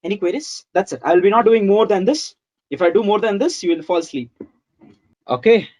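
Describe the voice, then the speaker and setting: A man's voice: high-pitched, brisk, darkish tone. A man teaching a coding lesson, talking through each line as he types, repeating himself and calling the viewers "guys". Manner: talks through code as he types, many repeats, says "guys" and "sir". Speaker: programming instructor. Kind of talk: screen-recorded coding tutorial.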